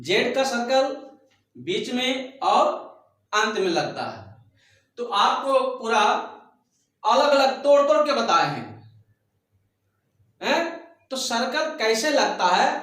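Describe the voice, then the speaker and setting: A man teaching a shorthand class, explaining slowly and repeating his points. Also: extremely high pitch, fairly bright tone, heavy reverb, distant mic. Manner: slow, repetitive explaining. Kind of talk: classroom lesson.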